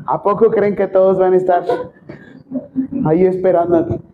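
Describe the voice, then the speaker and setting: Joking Mexican first aid instructor. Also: male voice, sits high, normal speed. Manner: joking, lively, addresses group directly. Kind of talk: hands-on first aid class. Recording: dull, noisy recording.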